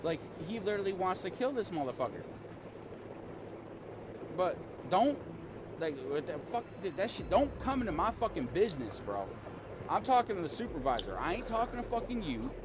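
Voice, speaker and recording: A man with a somewhat high voice vents about a workplace clash in a heated, profanity-laced ramble. His delivery is animated and blunt. A steady hum of background noise runs under him. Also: normal speed, pauses often. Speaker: streamer. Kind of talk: casual venting story.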